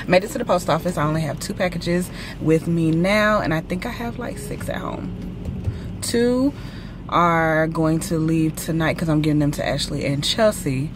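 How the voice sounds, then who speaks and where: A vlogger in her thirties from Georgia chats casually and slangily to her viewers as she runs errands in her car and around stores. Her voice sits low, and there's noise in the background.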